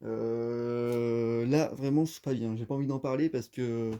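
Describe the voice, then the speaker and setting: A man talks through an unboxing in a casual, rambling way, full of fillers and little asides. His voice is very mellow and dark, at an ordinary pitch for a man. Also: steady tone, unhurried, clean tone. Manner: rambling, filler-heavy, chatty. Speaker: unboxing vlogger. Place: at home.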